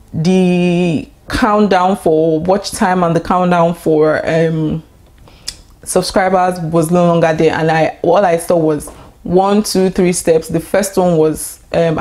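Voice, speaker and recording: Chatty young woman vlogging, slightly low voice. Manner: excited, chatty, frequent fillers and laughs. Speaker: YouTuber. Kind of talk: casual vlog monologue.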